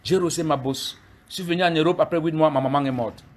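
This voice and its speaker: On the high side and fast, this middle-aged man from Cameroon rants angrily on a livestream, speaking straight at his critics and going over the same points again and again. A little hiss or hum sits under the recording.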